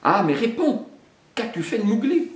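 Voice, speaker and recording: Un homme qui joue une panthère noire femelle, vaniteuse et autoritaire, au ton hautain et grondeur, dans un conte pour enfants. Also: male voice, a little high, big pitch swings, unhurried, far from the mic, voice pushed up. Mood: haughty scolding. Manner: haughty and scolding. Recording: echoey room.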